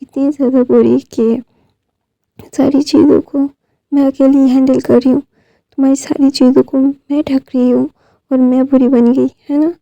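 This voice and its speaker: A woman's voice: high-pitched, level tone, measured pace, creaky, mellow, no room sound, muffled recording. A woman voicing a bitter young woman who answers sarcastically.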